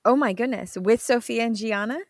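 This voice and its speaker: A woman's voice: fairly high pitch, brisk, no room sound, studio quality. A woman hosting a faith podcast, speaking in an enthusiastic, encouraging way as she introduces and interviews a guest. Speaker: podcast host.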